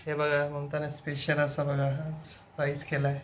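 A man's voice: fairly high pitch, completely flat delivery, measured pace, a little hiss or hum. A man talking casually to vlog viewers at the dinner table at home. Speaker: family vlogger. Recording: loud clatter of dishes.

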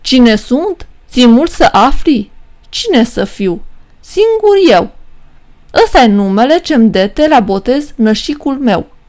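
A woman's voice: on the high side, big pitch swings, a little mellow. A cheeky peasant trickster, as a woman puts him on. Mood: mocking. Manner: mocking, bold and quick-witted.

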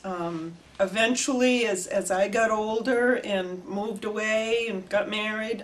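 An older woman reminiscing in an interview, telling her story animatedly. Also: medium pitch. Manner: animated storytelling, gestures with hands. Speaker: oral history interviewee. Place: indoor room before flags.

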